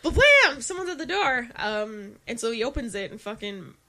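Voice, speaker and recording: A woman's voice: fairly high pitch, lively intonation, normal speed, a bit bright. A woman co-hosting a podcast in casual chat, swearing freely while she retells scenes. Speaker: podcast co-host.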